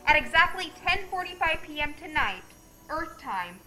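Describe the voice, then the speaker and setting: A woman playing a brisk superintendent of angels. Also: high voice, big pitch swings, music in the background, low-quality recording. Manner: brisk, authoritative, kindly. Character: calm female superintendent of angels. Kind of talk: old-time radio play acting.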